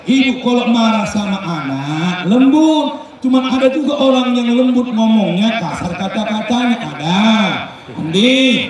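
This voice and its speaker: A man's voice: very high-pitched, expressive, moderate pace. Joking man, echoing from far off. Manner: joking, loud, acts out little dialogues. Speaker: speaker at a campaign welcome. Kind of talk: humorous moral speech to a crowd. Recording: heavy echo, far from the mic, crowd noise.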